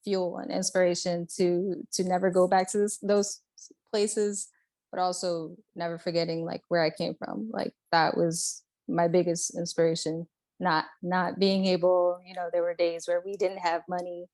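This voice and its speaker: A woman's voice: lowish voice, little pitch movement, moderate pace, a little mellow. A woman raised in Brooklyn, chatting earnestly as a guest artist and filling her talk with "like" and "you know". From born in Puerto Rico, raised in Brooklyn. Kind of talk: casual interview chat.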